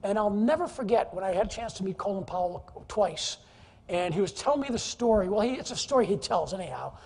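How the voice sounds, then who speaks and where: Male keynote speaker, high and husky voice, jokey and animated, echoing conference hall. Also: fairly quick. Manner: animated, jokey, teases the audience. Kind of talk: energetic, humorous business presentation. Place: large conference hall, live audience.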